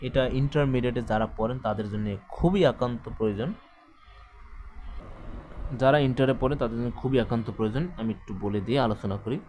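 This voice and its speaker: A man's voice: medium pitch, fast talker, darkish tone. Male teacher, exam-prep lecture; repetitive, step-by-step, quizzes the class as he goes. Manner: explains step by step, repeats points, asks the class questions.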